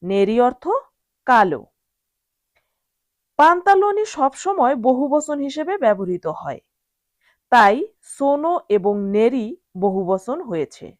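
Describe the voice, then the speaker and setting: A woman teaching a language lesson, repeating each word slowly and carefully to explain it. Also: fairly high pitch, big pitch swings, darkish tone, no room sound, clean studio sound.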